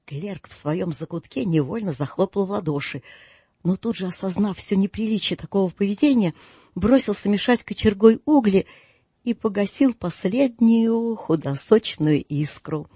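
A male narrator reads a story in a measured, steady way. His voice is high for a man and slightly husky, captured dry and close with no room sound. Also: dry recording. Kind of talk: audiobook reading.

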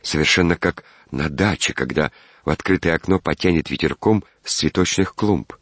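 A man narrating a classic story in a measured, expressive reading. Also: low-pitched, no room sound.

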